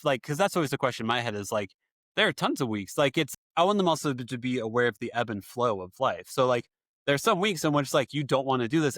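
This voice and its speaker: A man's voice: mid-range voice, a bit bright, dry recording, studio quality. A man from the American Midwest hosting a casual podcast, talking earnestly and chatting as a father. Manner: earnest, chatty, agreeing often.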